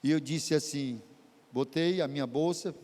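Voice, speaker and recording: A pastor tells his testimony from the pulpit of a church, emotional and dramatic, with big swings in pitch. His voice has a darkish tone at a normal speed, and the sound carries like a large hall.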